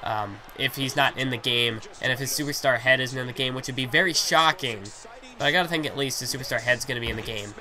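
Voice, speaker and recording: A man delivers fast play-by-play commentary on a wrestling video game in a medium-pitched voice that's strained, hoarse and starting to give out, yet still bright and sharp. He rambles, padding his thoughts heavily with fillers like "you know".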